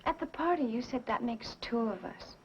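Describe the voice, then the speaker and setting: A woman's voice: fairly high pitch, expressive, normal speed, close to an everyday voice. An actress playing a shaken, inquisitive young woman in a 1970s TV horror mystery, on a dull, noisy soundtrack. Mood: uneasy, gentle.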